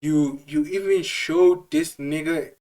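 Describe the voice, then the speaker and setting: A man's voice: on the high side, wildly swooping pitch, slow, creaky. A man hosting a reaction video, talking casually and exclaiming in disbelief at what he watches. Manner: incredulous, laughing, exclaiming. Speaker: reaction channel host.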